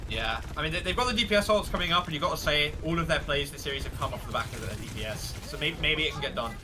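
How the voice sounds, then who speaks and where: A man's voice: on the high side, expressive, rapid-fire, background noise. A man giving live esports analysis as a co-caster, reasoning conversationally through the match.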